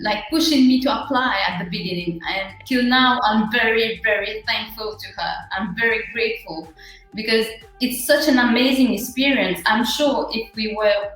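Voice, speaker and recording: A woman with a Mauritian accent answering interview questions in an earnest, halting, conversational way. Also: a little high, fairly bright tone. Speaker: interview guest, small business owner. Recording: very echoey room, faint music.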